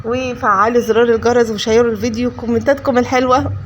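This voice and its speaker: Egyptian woman cooking vlogger, rapid-fire, slightly high voice, scolding tone, faint noise behind. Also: fairly even intonation. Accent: Egyptian Arabic. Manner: scolding, preachy; addresses viewers as "kids". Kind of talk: casual chat while cooking.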